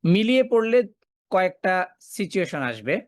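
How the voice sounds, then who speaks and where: In this dry recording, a man with a high voice that swings widely in pitch teaches a Quran recitation lesson at a normal speed. He poses questions to the class, answers them on his own, and repeats the main ideas.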